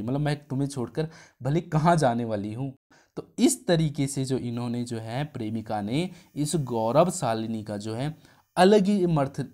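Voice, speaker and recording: Man, exam tutor, casual explaining, chatty asides, mid-pitched voice. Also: darkish tone. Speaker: exam prep teacher. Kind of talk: casual spoken lesson.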